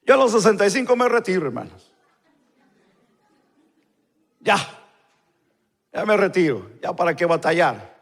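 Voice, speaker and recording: A man preaching a sermon, swinging between loud preaching and quiet asides. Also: high-pitched, very animated, fairly quick. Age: 50s. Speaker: pastor. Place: church sanctuary. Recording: live church recording with long reverb.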